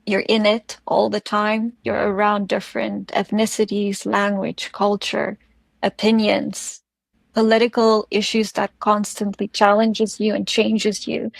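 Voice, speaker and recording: A South African woman with an Afrikaans accent and Afrikaans as her first language, speaking thoughtfully and haltingly as an interview guest. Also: mid-range voice, level tone, vocal fry, no echo. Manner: thoughtful, halting, searching for words. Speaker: podcast guest. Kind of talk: reflective interview conversation.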